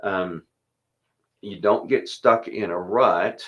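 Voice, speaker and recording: A pastor with a low voice speaks slowly, chatting casually and thinking aloud before leading a spoken prayer. He is easygoing and chuckles between thoughts, and the audio sounds dull.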